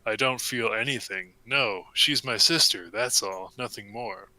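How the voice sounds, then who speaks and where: A young man reading a comic story aloud to friends in a deadpan way, with a close mic. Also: fairly low pitch, a little slow, no room sound, poor audio. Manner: deadpan reading, breaking into laughter.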